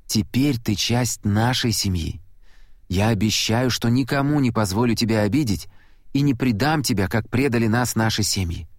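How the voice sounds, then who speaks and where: A man reading an audiobook, voicing a protective, tense teenage boy who leads the group, speaking slowly and with weight. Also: on the low side, dry recording, clean studio sound, close to an everyday voice. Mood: earnest. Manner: slow, weighty, earnest delivery.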